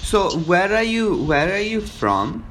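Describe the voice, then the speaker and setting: A man who asks his questions in an unhurried, friendly way and reassures the other person. He speaks very slowly. Clear noise runs behind him. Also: high voice, very animated. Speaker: interviewer. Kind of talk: casual phone interview. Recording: noisy background.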